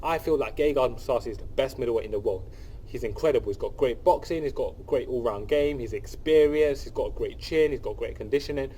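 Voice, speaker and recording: Here a young man hosting his channel gives casual, excited commentary on an upcoming fight, his nose stuffed and sniffly from a cold. He talks briskly in a mellow, medium-pitched voice, looping back on phrases with many fillers and restarts, over a faint hiss or hum.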